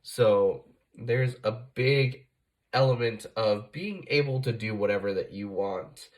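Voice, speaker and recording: Slowed a little by a cold and the odd cough, a man hosting a tarot channel gives a casual reading, often backtracking to correct himself and filling gaps with filler words. His voice is low and darkish, he takes his time, and the recording sounds rough.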